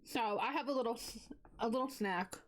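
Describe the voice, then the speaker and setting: A woman's voice: a little high, fairly quick, a little hiss or hum. A young woman chatting casually on a live stream, bubbly and giggly, talking through what she is doing.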